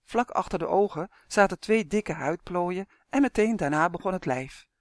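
An audiobook reader calmly narrating a children's story. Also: mid-range voice, moderate pace, dry recording, studio quality. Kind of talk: scripted narration.

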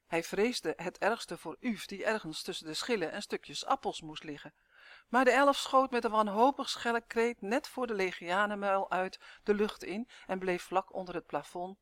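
A woman's voice: on the low side, no echo. Woman reading a children's story aloud. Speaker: narrator.

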